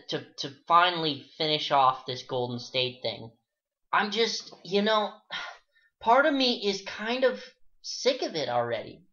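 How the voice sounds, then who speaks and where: A man co-hosting a casual sports podcast, talking fast and heating up into an exasperated rant. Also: sits high. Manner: animated, rising to an exasperated rant. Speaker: podcast co-host. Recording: dull lo-fi podcast audio.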